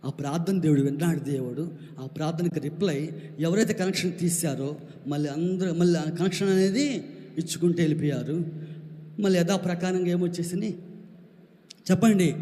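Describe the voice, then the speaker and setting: High-voiced preacher in a reverberant hall. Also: male voice. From Andhra Pradesh, India. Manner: calls out questions to the congregation; builds to shouted preaching. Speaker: pastor. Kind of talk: sermon testimony.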